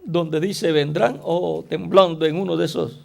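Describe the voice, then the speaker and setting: A man preaching a sermon slowly and deliberately, asking the congregation rhetorical questions. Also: fairly high pitch, fairly even intonation, vocal fry.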